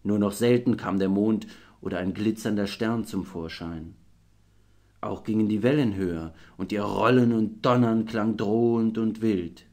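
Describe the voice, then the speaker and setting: Male audiobook reader, children's story, lowish voice, lively storytelling delivery. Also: unhurried. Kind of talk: children's book read aloud.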